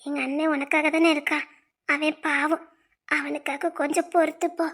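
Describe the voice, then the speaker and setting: A woman's voice: high-pitched, little pitch movement, moderate pace, fairly bright tone. A young woman, acting a kind younger sister who soothes and consoles. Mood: consoling. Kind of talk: web series drama acting.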